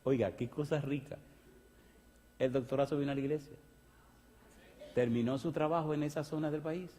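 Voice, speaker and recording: A man preaching a sermon with emphatic calls to the congregation. He reads scripture slowly and deliberately. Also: fairly high pitch, steady tone, dark tone, in a large hall. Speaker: pastor.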